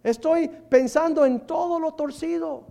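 A man preaching a sermon, emphatic and building to fervent shouting. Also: very high voice, unhurried, creaky.

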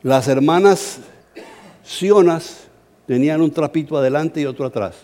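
Mellow-voiced Colombian pastor telling a story. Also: male voice, fairly high pitch, unhurried. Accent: Colombian Spanish. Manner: animated, humorous storytelling. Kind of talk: storytelling sermon.

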